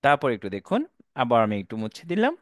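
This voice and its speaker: A male Quran teacher giving an online alphabet lesson, drawing out each letter slowly and asking viewers to repeat after him. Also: mid-range voice, wildly swooping pitch, no echo, clean studio sound. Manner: slow, drawn-out letter recitation for viewers to repeat; patient, repetitive teaching.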